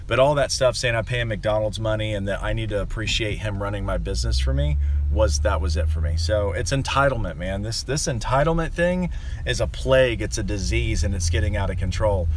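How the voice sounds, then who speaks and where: A young man who runs a landscaping business vents to the camera in a casual monologue, rambling and aggrieved with lots of fillers. His voice sits on the low side, and there's slight background noise.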